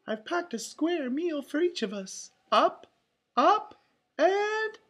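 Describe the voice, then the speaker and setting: A sweet female cartoon mouse acted out by a woman speaks very high and with lots of swing. She is upbeat and coaxing, a friendly figure from a children's storybook. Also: expressive, measured pace. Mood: pleading, coaxing.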